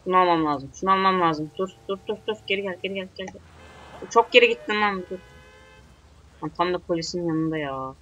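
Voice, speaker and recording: Bright-voiced young man grumbling over gameplay. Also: high voice, a little fast, lo-fi sound, slight background noise. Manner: grumbling, swearing, talking back at the game. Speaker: gamer. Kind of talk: let's play commentary.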